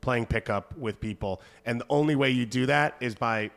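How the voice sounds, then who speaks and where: A man of middle pitch leads a soccer talk show in a quick, conversational way. He thinks aloud and strings his points together loosely. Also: gravelly. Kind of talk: casual panel discussion.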